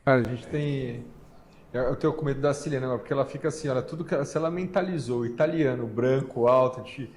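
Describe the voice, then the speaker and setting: A man hosting a podcast who asks quick questions and cracks jokes with his guests. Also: mid-range voice, darkish tone, a little hiss or hum. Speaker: podcast host. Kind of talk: casual interview talk.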